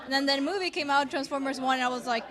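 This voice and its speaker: A young Costa Rican woman who teaches art chats enthusiastically in a casual interview at an art gallery, laughing often. Her high voice races along over crowd noise.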